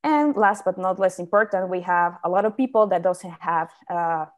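A woman's voice: lowish voice, normal speed. A young woman presents slides over a video call. She keeps stopping on "uh" and restarting her phrases as she works through the talk. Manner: hesitant, many fillers and restarts. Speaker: invited speaker on indoor farming.

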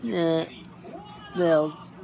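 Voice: medium pitch, extremely slow, vocal fry, music in the background. A parent vlogging at home while minding their baby, using playful sing-song baby talk and whispered asides. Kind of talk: casual home vlog. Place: home living room.

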